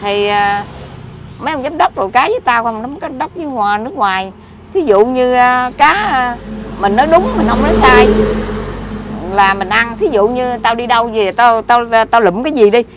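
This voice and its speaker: Woman, Southern Vietnamese accent, middle-aged, quick excitable rambling, loud traffic noise behind. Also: on the high side. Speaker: interviewee. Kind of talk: rambling street conversation. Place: outdoors by a street.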